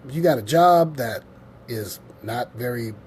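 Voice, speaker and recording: A man's voice: medium pitch, expressive, measured pace, a little mellow, a little hiss or hum. A man hosting a casual scripture teaching show, rambling and emphatic, often repeating his points.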